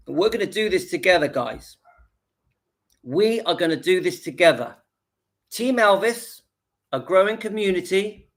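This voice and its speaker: A man's voice: on the high side, a bit bright. A man in his fifties vlogging from home, earnestly rallying his viewers and repeating his points for emphasis. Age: 50s. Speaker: channel host. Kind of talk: casual direct-to-camera vlog.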